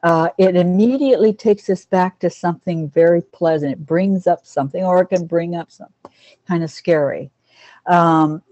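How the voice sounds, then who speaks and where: A woman's voice: lowish voice, no room sound, lo-fi sound. Chatty woman on a video call. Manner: warm, chatty, calls people honey and sweetheart. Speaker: animal communicator teaching a class. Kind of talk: casual online class talk.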